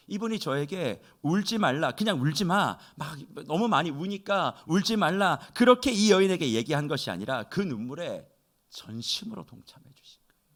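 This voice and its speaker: A middle-aged male pastor preaching a dawn sermon in a church, his slightly high voice rising and falling in wide, lively swings. He shifts from forceful emphasis to near-whispers and drags out key words slowly. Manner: slows down and stretches key words. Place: church sanctuary.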